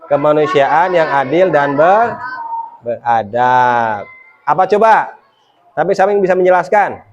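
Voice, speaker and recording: This is a teacher in the middle of a classroom lesson, with a voice of middle pitch. They keep quizzing the pupils with quick questions and then explain each answer. A faint noise sits behind the voice. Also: lively intonation, muffled recording. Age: adult.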